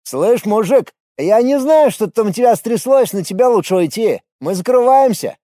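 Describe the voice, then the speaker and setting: Guy doing a loud blunt bartender, high and pushy, dark tone. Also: lively intonation, moderate pace, dry recording, studio quality. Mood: brusque. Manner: loud, brusque. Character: blunt male bartender, loud and plain-spoken.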